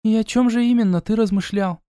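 Young woman, as a male reader puts her on, earnest, anxious, pleading, high voice, dry sound. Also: steady tone, brisk, dark tone, smooth, no echo, lightly acted. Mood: indignant. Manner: emotional, pleading.

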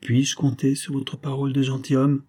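A man's voice: medium pitch, completely flat delivery, moderate pace, warm tone, slightly rough, voice pushed up, natural voice. A man reading an audiobook, voicing a timid, grieving young noblewoman who pleads tremulously. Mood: pleading.

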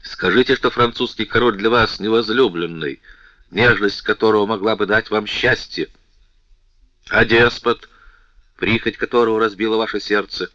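A man reading the part of a passionate, imperious young king who bursts into loud, vengeful speeches. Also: on the low side, moderate pace, no echo, highs cut off. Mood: raging, pleading. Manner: impassioned, loud outbursts. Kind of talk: audiobook character reading.

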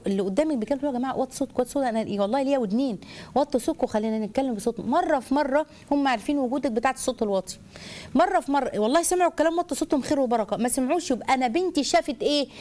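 A middle-aged woman with an Egyptian Arabic accent hosts a call-in show offering family advice. Her voice is on the high side with a darkish tone, and she speaks directly, coaching callers and often acting out little scenes.

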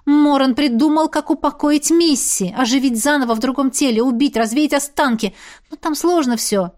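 A woman's voice: moderate pace, a little mellow, natural voice. Woman voicing a defiant young mage girl. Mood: exasperated. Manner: exasperated, defiant, raised pitch. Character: sharp-tongued young woman mage student. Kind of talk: audiobook character reading.

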